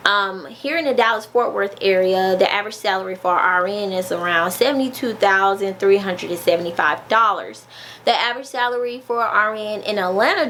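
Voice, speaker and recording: A woman's voice: medium pitch, a bit bright, slight background noise. A woman nurse, talking casually to her viewers in a chatty, folksy way with many fillers. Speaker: nurse vlogger. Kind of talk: casual informational vlog.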